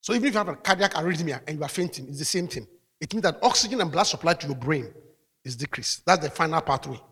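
A man's voice: a little high, animated, fast, bright, forceful tone, slightly rough, in a large hall. A man preaching a sermon as pastor, calling out hallelujah between points. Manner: preaching with call-outs of hallelujah.

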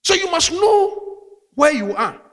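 A man preaching to his congregation in a high, animated voice that rises and falls as he drives each point home. His bright tone rings out through a church hall with a long reverb, and he punctuates his teaching with calls of hallelujah. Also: unhurried. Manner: preaching with call-outs of hallelujah. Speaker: pastor. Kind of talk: sermon.

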